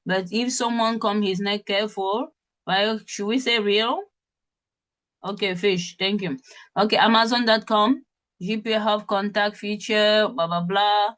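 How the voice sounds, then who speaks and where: A woman's voice: medium pitch, steady tone, unhurried, a bit bright. A woman instructor running an interactive workshop, spelling out web addresses and often checking in with her audience.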